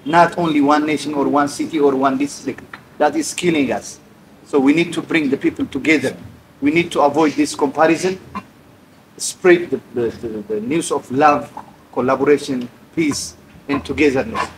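A man's voice: on the high side, steady tone, moderate pace. A middle-aged man from Eritrea, a lounge owner giving earnest, rallying remarks at a press event. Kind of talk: impassioned speech-like remarks. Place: indoor lounge on a sofa. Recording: noisy room recording.

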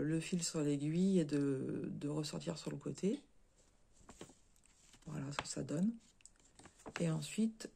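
A woman's voice: low voice, gravelly, mellow. A middle-aged woman hosting a casual crafting vlog, hesitant, with many fillers and restarts. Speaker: crafting channel host.

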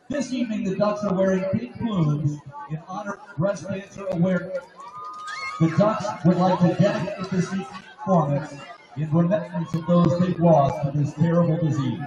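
A man giving a formal announcement over the stadium loudspeaker, in a measured, ceremonial reading style. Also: high-pitched, highs cut off. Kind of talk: formal public-address announcement. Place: outdoor football stadium. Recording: echoey loudspeaker from far off, crowd noise. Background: crowd murmur.

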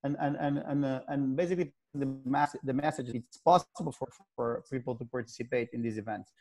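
A middle-aged Portuguese-accented man, the CEO of a sailing company, is a guest on a video call and speaks haltingly, frequently stalling on repeated words and restarting with "and." His voice is medium-pitched and warm.

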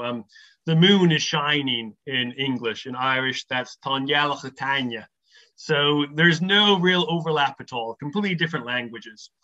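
A middle-aged professor of English, appearing as a podcast guest, explains things at length in relaxed interview talk, thoughtful and scholarly with many ums and restarts. His voice is a little high, pushed, and bright, and the recording has a slightly muffled lo-fi sound.

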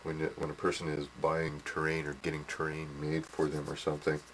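A man's voice: very deep voice, completely flat delivery, fairly quick. A middle-aged man casually demonstrating a hobby model build in a small workshop, rambling with lots of fillers and "eh" tags. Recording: noisy home camcorder audio.

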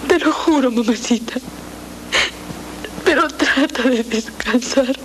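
A woman's voice: sits high, lively intonation, takes it slowly, dark tone, a little hiss or hum, rough recording. A young woman playing an anguished, devoted daughter, tearfully pleading in film melodrama. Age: young adult. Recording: old film soundtrack with music.

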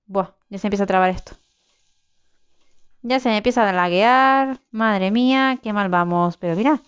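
A woman's voice: medium pitch, clear, resonant tone, highs cut off. A young woman commenting casually on her survival game, chatty, swearing and exclaiming as she plays. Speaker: gaming channel host. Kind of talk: casual let's-play commentary.

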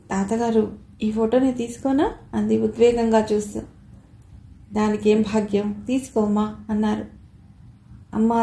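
A woman narrating an audio novel in a steady, even storytelling manner. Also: fairly high pitch, vocal fry. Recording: roomy echo.

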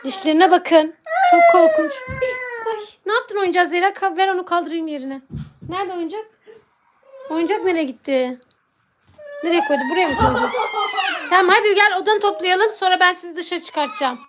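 A woman's voice: very high voice, fairly quick, long pauses. A woman filming a home vlog, coaxing and soothing her crying children while talking to viewers. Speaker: mother and channel host. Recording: loud background noise.

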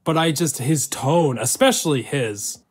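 A man's voice: a little high, expressive, unhurried. A man hosting a casual podcast chat who talks in a rambling, emphatic way, with lots of fillers and the odd swear word. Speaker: podcast host.

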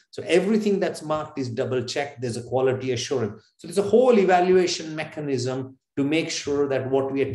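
A man's voice: medium pitch, darkish tone, roomy sound. A man, a business school professor, explaining earnestly over a video call webinar. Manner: earnest, explanatory, repeats himself. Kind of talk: webinar Q&A answer.

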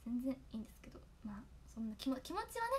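A woman's voice: fairly high pitch, sing-song, racing, darkish tone, a little hiss or hum. A young woman chatting casually to fans, reciting tongue twisters and giggling often. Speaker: idol trainee talking to fans. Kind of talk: casual solo stream chat.

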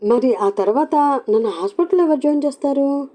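Woman reading as a teasing young wife, high, playful, mellow tone. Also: animated, a little fast.

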